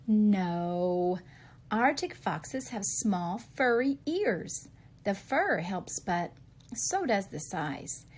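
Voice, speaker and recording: A woman with a slightly husky, somewhat mellow, medium-pitched voice reads a children's picture book aloud. She poses questions and answers them expressively for young listeners, with slight background noise.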